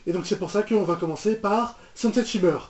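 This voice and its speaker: A reaction video host gives casual, off-the-cuff commentary, hesitating, repeating words, and trailing off. His high voice moves a little fast, recorded on a muffled lo-fi mic in an echoey room.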